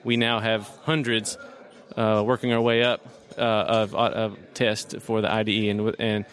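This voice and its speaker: A man's voice: lowish voice, level tone, moderate pace, smooth. A man being interviewed at a conference, talking casually with many restarts and repeated words. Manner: hesitant, repeats words often. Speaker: guest developer. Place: conference venue.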